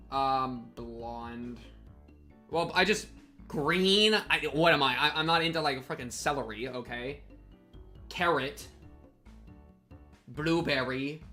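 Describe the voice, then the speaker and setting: A young game streamer with a sharp, somewhat high voice reads a game aloud and riffs on it with casual, slangy, goofy commentary. Game music plays in the background.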